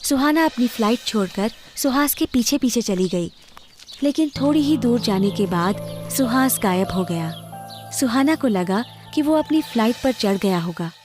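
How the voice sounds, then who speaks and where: A woman telling a moral story in a steady, scripted narration. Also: on the high side, normal speed. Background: background music.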